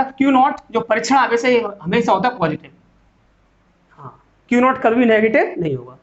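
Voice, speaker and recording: Man teaching physics, dull lo-fi audio. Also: high-pitched. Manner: asks and answers his own questions, calls students "beta". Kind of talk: classroom lecture. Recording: dull lo-fi sound.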